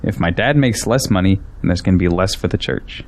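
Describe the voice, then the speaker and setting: In an audio drama, a man with a low voice plays an ambitious young businessman who argues defensively, skeptically, and proudly. He speaks a little fast.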